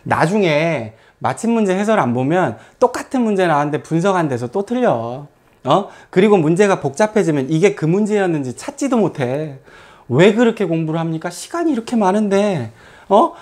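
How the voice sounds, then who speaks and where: A man's voice: high-pitched, normal speed. A man teaching a math academy class, lecturing students in a blunt, scolding way, with casual swearing and many rhetorical questions. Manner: lively, lots of rhetorical questions.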